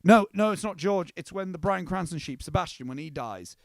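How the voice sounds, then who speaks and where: A man's voice: high-pitched, expressive, a little fast, gravelly, no room sound. A young man giving a casual, earnest film review, rambling with many restarts. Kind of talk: casual spoken movie review.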